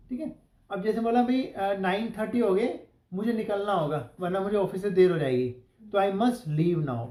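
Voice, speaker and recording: A man's voice: high-pitched, warm tone, reverberant, rough recording. A male English teacher giving a classroom grammar lesson, asking the class questions and spelling out example sentences word by word.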